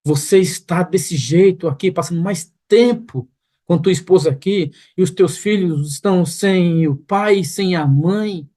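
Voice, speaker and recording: Earnest pastor with a mellow voice. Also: male voice, high-pitched, a little slow. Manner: earnest storytelling, rising to pleading intensity. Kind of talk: sermon testimony. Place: online church broadcast room.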